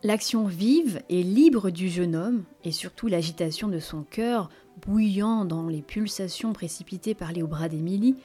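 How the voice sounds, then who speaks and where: A woman narrating a classic French novel in a measured, expressive literary reading. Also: mid-range voice. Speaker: audiobook narrator.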